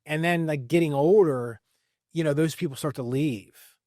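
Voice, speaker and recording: Guesting on a podcast, this wrestling coach and teacher in his forties reflects in conversational interview style, his Central Pennsylvania accent coming through along with plenty of fillers and repeated words. His voice is a little high and a little mellow at normal speed, recorded cleanly in a studio without echo.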